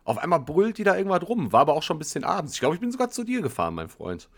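Chatty young man with a lively voice. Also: on the high side, rapid-fire, vocal fry. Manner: chatty, reacts with short interjections. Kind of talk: casual chat.

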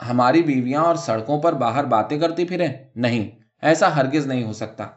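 A man's voice: medium pitch, close to an everyday voice. A man voicing a jealous, hot-tempered tonga driver who speaks in a heated, indignant way. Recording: dull lo-fi recording.

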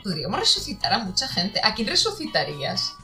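Bright-voiced playful woman. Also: medium pitch, huge pitch swings, fairly quick, soft background music. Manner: playful, imaginative, laughs often. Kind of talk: casual chat.

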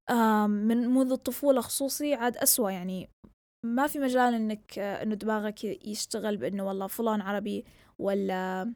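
Fast-talking young woman. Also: fairly high pitch, no room sound. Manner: switches between Arabic and English mid-sentence; animated, rhetorical questions. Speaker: vlogger. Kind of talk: casual monologue.

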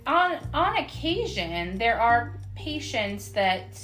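A woman's voice: a little high, very animated, a bit bright. A woman co-hosting a casual podcast chat, playful and giggly. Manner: playful, giggly, slow and drawn out. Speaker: podcast co-host.

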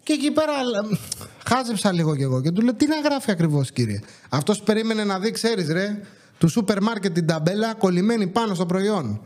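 A man hosting a podcast, telling exasperated comic stories from his supermarket job and acting out the dialogue. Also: high-pitched. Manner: animated, exasperated, acts out dialogue. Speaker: podcast host, supermarket worker. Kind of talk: comedic storytelling.

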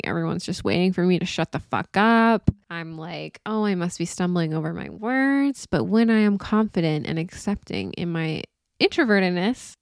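A woman's voice: mid-range voice, darkish tone, no echo. Candid young woman podcasting, dry close sound. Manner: candid, chatty, uses mild swearing. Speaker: podcast host. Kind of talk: casual solo podcast talk.

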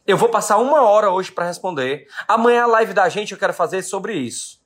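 A Brazilian business owner in his late thirties gives an emphatic motivational talk to his live-stream audience, repeating his key questions. His voice is high-pitched, expressive, a bit bright, and a little fast.

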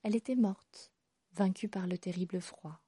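A woman reading a fairy tale aloud as the storyteller, with expressive storybook narration. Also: mid-range voice, moderate pace, breathy edge, no echo, studio quality.

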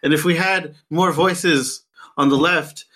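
Higher-voiced man, joking and sweary. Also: steady tone, measured pace, sharp tone. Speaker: podcast co-host. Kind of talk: casual profane banter.

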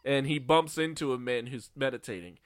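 A man co-hosting a casual movie chat, recapping the plot in a profane, deadpan way. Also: mid-range voice, fairly quick, dry recording, clean studio sound. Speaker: podcast co-host.

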